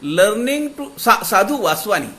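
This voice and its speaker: Lively, bright-voiced man giving a discourse. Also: sits high. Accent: Marathi. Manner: slows to draw out quoted verses. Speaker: spiritual discourse speaker. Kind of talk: devotional discourse explaining scripture.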